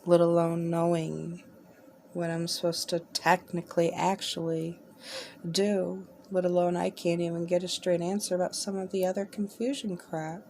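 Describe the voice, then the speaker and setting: A woman hosting a spirit box session, talking in a rambling, halting, exasperated way as she addresses spirits. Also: lowish voice, level tone, darkish tone, a little hiss or hum.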